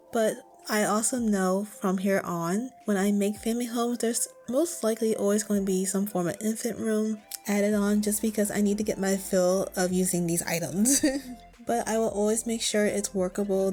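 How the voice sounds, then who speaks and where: A woman's voice: mid-range voice, dark tone. A young woman giving a chatty, candid voice-over about her game build, often laughing. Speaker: Sims build creator.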